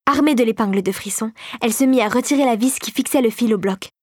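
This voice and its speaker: A woman narrating an adventure storybook in a dramatic, expressive way. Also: a little high, fast, no echo, studio quality.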